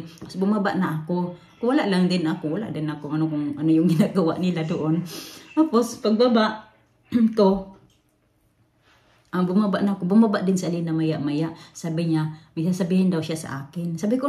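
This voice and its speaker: Filmed at home in an echoey room with faint noise, this home vlog features a Filipino woman talking in a loose, rambling way, restarting often and using plenty of fillers. She has a fairly low-pitched, warm voice.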